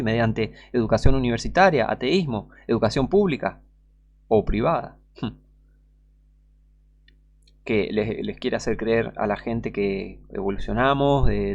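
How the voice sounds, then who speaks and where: A man preaching a fiery sermon, scornful and full of rhetorical questions, swinging between loud outbursts and hushed asides. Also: medium pitch, gravelly.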